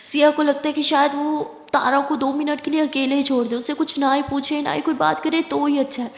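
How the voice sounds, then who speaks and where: A woman's voice: high voice, level tone, fairly quick. A woman narrating a love story in a casual, conversational retelling. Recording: roomy echo, long reverb.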